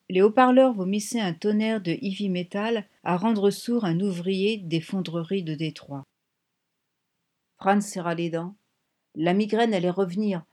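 A woman reading a novel aloud in measured, vivid scripted narration. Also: mid-range voice, a little mellow. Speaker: audiobook narrator.

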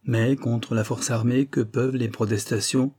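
A man narrating a classic novel as an audiobook in a measured, expressive way. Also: mid-range voice, breathy edge.

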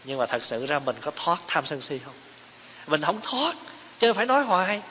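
Guy teaching buddhism, kinda high voice, echoey hall, muffled with hiss. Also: very animated, normal speed, bright, forceful tone. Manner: explains terms, poses rhetorical questions to listeners. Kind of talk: dharma talk. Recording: echoey hall, dull lo-fi sound, faint hiss.

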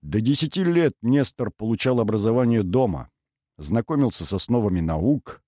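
A man narrating an audiobook in a measured, dramatic reading style. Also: fairly low pitch, animated, dark tone, no room sound, studio quality. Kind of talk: scripted narration.

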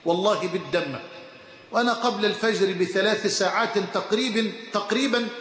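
A man with an Egyptian accent delivering a Friday sermon, impassioned, swinging between shouts and hushed tones, in a mosque. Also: sits high, fairly quick. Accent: Egyptian Arabic. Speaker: preacher. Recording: echoey hall with faint ambient noise.

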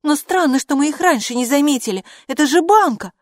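A woman's voice: sits high, lively intonation, a little fast, no echo, studio quality, pitched above the performer's own voice. A woman doing a bossy, mocking girl. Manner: snapping, mocking. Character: bossy, sharp-tongued young girl. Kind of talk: audiobook character voice.

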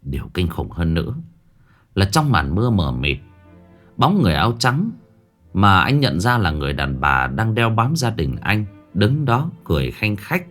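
A man narrating a scripted ghost story in a dramatic storytelling manner, dropping his voice low for the eerie parts. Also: normal speed, faint music behind. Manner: dramatic, lively storytelling with sudden hushed drops.

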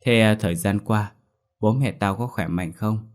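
A man's voice: on the low side, normal speed, close to an everyday voice. A man voicing a young male exorcist in his thirties, anxious and blunt, in a storybook reading. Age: 30s.

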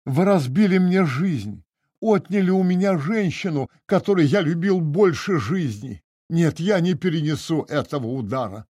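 In a dry, clean studio recording, a man voices an aggrieved middle-aged notary for an audiobook, pitching himself above his natural voice. His delivery is fairly high, animated, slightly mellow and husky, at normal speed, sounding formal, stiffly polite, and agitated with indignation.

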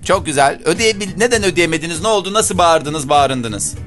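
A man's voice: fairly high pitch, animated, moderate pace, a bit bright, faint music behind. A man hosting a morning radio show, bantering playfully with a co-host and reciting mock-grandiose slogans in a theatrical manner.

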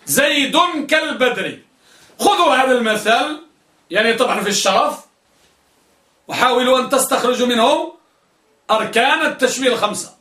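High-voiced teacher in an echoey classroom. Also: male voice, animated, fairly quick, long pauses, bright, forceful tone. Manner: questions students and drills answers. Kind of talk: classroom lesson. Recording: echoey room, mic at a distance.

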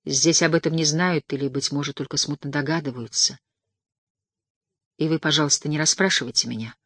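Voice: mid-range voice, fairly even intonation, fairly quick, a bit bright, dry recording, studio quality. A reader doing a proud young farm girl. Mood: restrained. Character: young woman farm worker, proud and resolute. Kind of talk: audiobook reading.

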